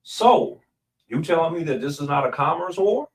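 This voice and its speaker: A man's voice: a little high, lively intonation, normal speed, far from the mic, rough recording. A man, a pastor, explaining in a studio interview and asking rhetorical questions.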